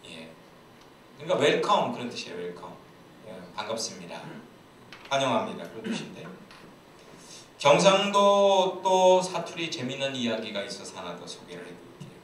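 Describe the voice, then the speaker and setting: A man's voice: mid-range voice, big pitch swings, normal speed, long pauses. A man preaching a sermon as pastor, telling jokes and playful stories. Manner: playful, joking storyteller. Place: church sanctuary. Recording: very echoey church hall, distant mic, faint hiss.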